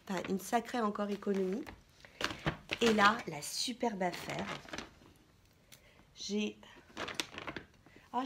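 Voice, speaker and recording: A woman's voice: mid-range voice, noisy background. Chatty woman rambling through a haul. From France. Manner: chatty, rambling, many fillers. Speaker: vlogger. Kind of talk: casual shopping haul chat.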